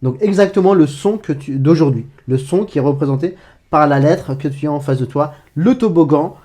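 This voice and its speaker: A man's voice: on the high side, mellow. A man teaching the Arabic alphabet in a casual online lesson, speaking informally to the viewer and often correcting himself. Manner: demonstrates throaty sounds slowly and repeats them.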